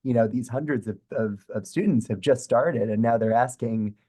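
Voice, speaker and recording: Hoarse man moderating a panel. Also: medium pitch, moderate pace, dark tone. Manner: asking long rambling questions. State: hoarse, lost voice. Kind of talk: panel discussion.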